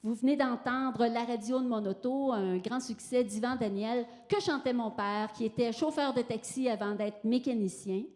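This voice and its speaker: A middle-aged woman with a Quebec French accent, introducing songs on stage at a concert, warmly greeting the listeners. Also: a little high, normal speed, few pauses. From Gaspésie, Quebec. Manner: warm, grateful greetings to listeners. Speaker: band member introducing songs. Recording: long hall reverb over loud music. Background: loud country guitar music.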